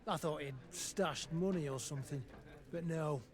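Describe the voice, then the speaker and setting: Actor as a high-voiced jovial town drunk soldier. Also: male voice, moderate pace, lightly acted. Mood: confiding. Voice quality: slurred drunkard's voice. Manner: town drunk, chuckling and familiar. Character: jovial male tavern soldier, town drunk who sees everything. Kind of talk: video game character acting.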